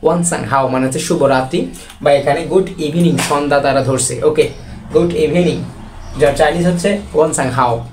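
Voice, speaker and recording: A man with a Bangladeshi Bengali accent gives an online language lesson, explaining slowly and repeating each phrase with drawn-out model pronunciations. His voice sits on the high side and is a little mellow, with slight background noise.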